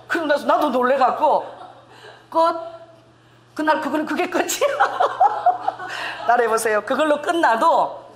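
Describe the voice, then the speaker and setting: A woman in her forties preaching a sermon, telling a personal testimony with animated storytelling and acted-out dialogue. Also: on the high side. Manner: animated storytelling, acting out dialogue, laughing and tearful at times.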